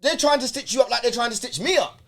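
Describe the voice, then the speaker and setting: A man doing a high-voiced young guy pleading innocence. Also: expressive, fast. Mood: protesting. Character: agitated young man protesting his innocence.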